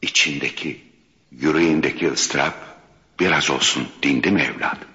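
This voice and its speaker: An actor playing a calm, commanding elderly male spiritual guide who speaks slowly and soothingly with quiet authority. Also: full character voice. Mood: gentle consoling. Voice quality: gravelly, deep. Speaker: radio drama actor. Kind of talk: 1970s-style Turkish radio theatre acting. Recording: muffled archival radio recording.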